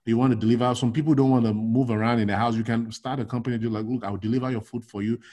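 With a mid-range voice and a very fast delivery, a middle-aged Nigerian logistics consultant speaks casually in an interview. He's animated, keeps restarting, and says "you know" a lot.

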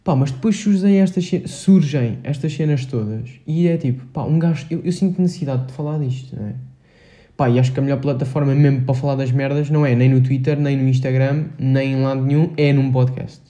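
Speaking brisk and mellow at a medium pitch, a teenage boy runs his own casual podcast. He rambles hesitantly in a Portugal Portuguese accent, leaning on slang and filler words.

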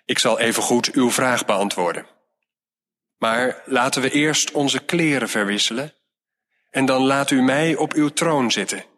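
A man reading a storybook aloud and voicing a humble, wise shepherd who speaks gently and patiently. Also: mid-range voice, measured pace, close to an everyday voice. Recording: long hall reverb.

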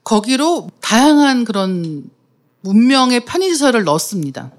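A woman co-hosts a book talk show and explains a book's argument in a clear, engaged manner. Her voice sits somewhat high and rises and falls in an animated way. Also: moderate pace. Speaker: podcast co-host. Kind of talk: casual talk-show chat.

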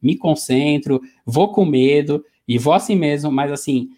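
A man with a Brazilian accent, a motivational speaker telling a story in an animated, conversational way during an interview. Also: on the high side, measured pace. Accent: Brazilian Portuguese.

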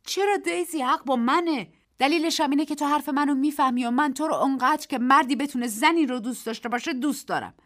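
A woman's voice: sits high, voice pushed up, lightly acted. A woman reading the part of a desperate man in a radio story, pleading and defiant in turn. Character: desperate man clinging to reason and love.

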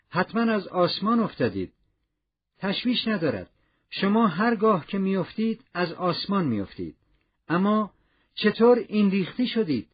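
A man voicing an excitable, chatty old male gardener with a trembling voice, in a dull lo-fi recording. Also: high voice, slightly rough, full character voice. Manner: exclaiming, rapid questions.

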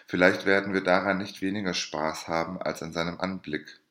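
A man's voice: deep voice, steady tone, brisk, a bit bright, roomy sound. A man reading aloud and voicing a scheming, mocking noblewoman who speaks with feigned sweet sympathy. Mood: gloating.

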